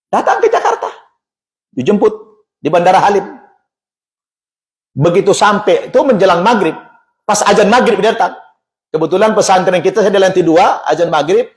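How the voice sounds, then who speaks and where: A man giving a religious talk at a mosque, telling a story in an animated way and acting out the dialogue. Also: sits high, moderate pace, long pauses. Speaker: religious teacher.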